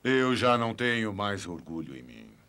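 A man's voice: lowish voice, very animated, normal speed, sharp tone. An actor playing a noble, resolute king with a Brazilian Portuguese accent, speaking in solemn, regal declamation for a dubbed film. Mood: solemn resolve. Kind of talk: dubbed film drama acting.

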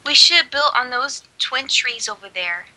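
Excitable woman gamer, piercingly bright tone, swooping pitch. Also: moderate pace, low-quality recording. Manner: excitable, gasps and squeals. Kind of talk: casual chat while playing.

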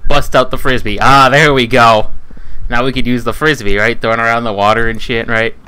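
A young man streaming, telling stories and joking loudly with friends, swearing freely. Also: mid-range voice, fairly even intonation, quick pace, clean tone. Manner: loud, swearing, joking storyteller. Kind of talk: casual group chat on stream. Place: hot room without air conditioning.

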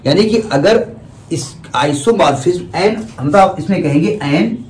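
Math teacher, male, somewhat high voice, patient step-by-step lecturing, heard from afar in an echoey classroom. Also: lively intonation, a little slow, darkish tone. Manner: explains step by step, repeats terms, asks the class questions. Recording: echoey room from far off, faint noise.

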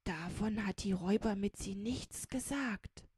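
A woman doing a slow, calm tall lad. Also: medium pitch, husky, no room sound, studio quality. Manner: slow, calm, matter-of-fact.

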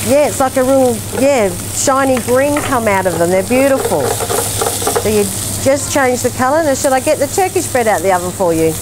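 A woman's voice: high voice, animated, normal speed, noisy background. A middle-aged Australian woman co-hosting a casual cooking demonstration, chatty and gushing, full of questions. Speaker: co-host of cooking demo. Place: indoor kitchen demo set at a market.

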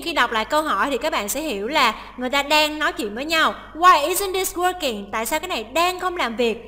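A woman teacher with a high, ringing voice walks through a listening test. She reads each English sentence and then breaks it down step by step, and a long reverb hangs after her words. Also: bright, forceful tone. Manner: explains each option, translating English lines aloud.

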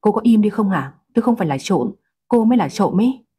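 Woman reading a steady young baker guy, mellow and a bit breathy. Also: mid-range voice, fast. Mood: annoyed. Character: young man, calm bakery owner.

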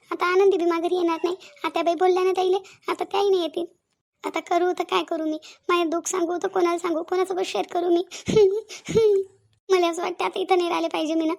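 A woman's voice: very high voice, vocal fry. A woman voicing a young newlywed daughter-in-law in a cartoon who complains plaintively and repeats herself, with a Vidarbha Marathi accent. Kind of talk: cartoon voice acting.

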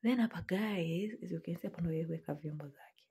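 A young Kenyan woman with a Kenyan accent, filming a casual home tour on her phone in a small flat. She chats to her viewers and often drops to soft, half-whispered asides. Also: lowish voice, quick pace, creaky, slightly rough. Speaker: vlogger giving a house tour. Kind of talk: casual tour narration mixing Swahili and English. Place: small bedsitter flat, indoors. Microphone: phone held while filming.

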